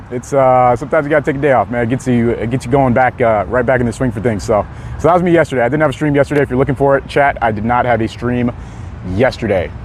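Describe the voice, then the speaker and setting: A young man chatting casually on a live stream outdoors on a city street, laid-back and quick to laugh as he reads out chat messages. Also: medium pitch. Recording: faint street noise outdoors.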